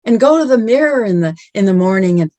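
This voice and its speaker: A woman's voice: mid-range voice, expressive, fast, warm tone, dry recording. A middle-aged woman giving an earnest, encouraging motivational talk, often repeating words for emphasis. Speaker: speaker at a women's empowerment event.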